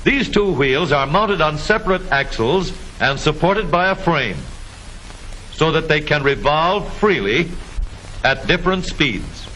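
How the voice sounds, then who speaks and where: Bright, high-pitched 1950s educational film narrator, male. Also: lively intonation, rough recording. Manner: clear step-by-step explaining, deliberate phrasing. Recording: hissy vintage 1950s film soundtrack.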